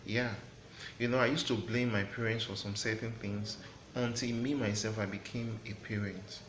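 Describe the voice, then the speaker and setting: A man's voice: fairly low pitch, fairly even intonation, normal speed. Earnest preachy man in an echoey room. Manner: earnest, preachy, repeats phrases for emphasis. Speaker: host of a motivational channel. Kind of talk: motivational talk to camera. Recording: echoey room with background noise.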